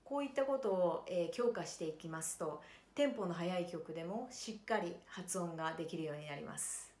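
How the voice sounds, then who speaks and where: A woman introducing her jazz vocal pronunciation lessons in a calm, explanatory way, often pausing with fillers and slowing down to model English words. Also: lowish voice, roomy sound.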